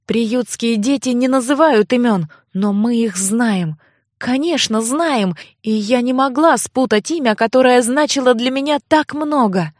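Higher-voiced woman reading a novel. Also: a little slow, no room sound, studio quality. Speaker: audiobook narrator. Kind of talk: first-person novel reading.

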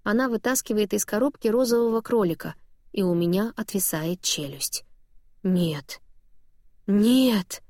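A woman narrating a first-person novel with a lively, wry storytelling manner. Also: mid-range voice, brisk, dry recording, studio quality. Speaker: audiobook narrator.

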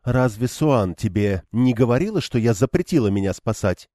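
A man's voice: medium pitch, expressive, moderate pace, warm tone, no room sound, studio quality, lightly acted. A man voicing a stern young woman leader who speaks in a cold, clipped, firm way.

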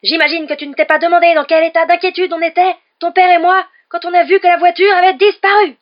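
A woman voicing a furious mother who shrieks at her son in slow, piercing shouts. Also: very high-pitched, flat delivery, dull audio, voice pushed up. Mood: furious shouting.

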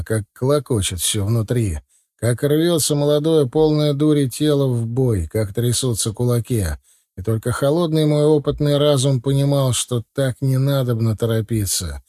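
A man reading a first-person audiobook in a steady, measured way. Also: mid-range voice, no echo, clean studio sound. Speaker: audiobook narrator.

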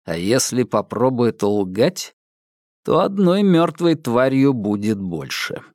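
A man narrates a thriller audiobook in a steady, tense manner. His pitch is middling, and the sound is dry and close, with no room around it. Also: slow pace, dry recording. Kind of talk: scripted narration.

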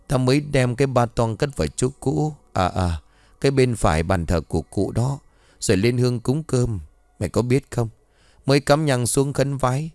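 A man's voice: medium pitch, darkish tone, no echo, close to an everyday voice. A man voicing a stern, bossy old woman who scolds her servants in a ghost story.

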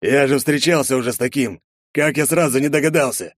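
A man's voice: mid-range voice, brisk, dry recording, studio quality, voice pushed up, lightly acted. A man narrating a fantasy audiobook, voicing a companion who exclaims in frustration. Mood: exasperated. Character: excitable male companion, frustrated.

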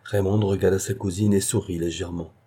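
Low, husky male audiobook narrator. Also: flat delivery, warm tone. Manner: measured literary narration. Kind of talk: audiobook reading of a classic novella.

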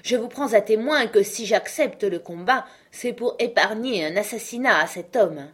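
A woman's voice: medium pitch, animated, unhurried, slightly rough. A woman doing a mocking, witty uncle. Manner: ironic, emphatic. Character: witty, mocking uncle who fights a duel.

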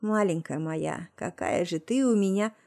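A woman voicing a young man, a hoarse and possessive lover, in a low, hushed audiobook voice. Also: unhurried.

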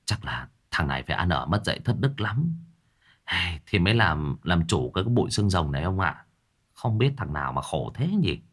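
A man voicing a male soldier who mutters in a low, hesitant, stammering way. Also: very animated, moderate pace, fairly bright tone, husky, full character voice. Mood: awed mutter. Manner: mumbling, hesitant.

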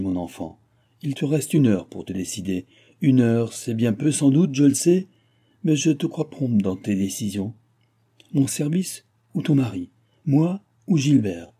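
A man reading a calm, firm young noble lady. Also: medium pitch, pitched above the performer's own voice, natural voice. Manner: measured, firm and kindly.

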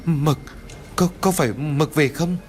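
A man's voice: medium pitch, moderate pace, a little hiss or hum, pitched above the performer's own voice, natural voice. A man voicing a frightened, injured old village man who stammers and sounds bewildered in a horror audiobook.

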